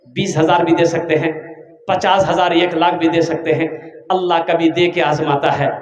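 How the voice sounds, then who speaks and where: Preacher, male, high and echoey, rousing fundraising sermon style with joking asides to the crowd. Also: dull audio. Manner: rousing, jokey, calls out to the crowd. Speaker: maulana preacher raising donations. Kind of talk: fundraising sermon at a religious gathering. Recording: echoey public address sound.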